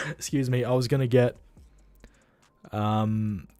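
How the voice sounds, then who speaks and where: A man's voice: medium pitch, slow, no room sound. A young Australian man hosting a casual livestream, tired and rambling, talking bluntly and swearing freely from home. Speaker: livestream host.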